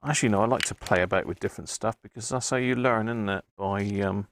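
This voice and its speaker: At his indoor electronics workbench, a repair livestream host keeps up relaxed commentary and thinks aloud. His voice is on the low side with a fairly bright tone, and he talks at a quick pace.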